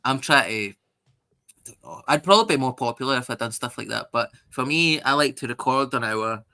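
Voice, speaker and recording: A Scottish man in his thirties, a comedian chatting in a casual interview, animated and sweary, acting out other people's voices as he tells stories. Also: medium pitch, brisk. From Scotland. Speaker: stand-up comedian guest.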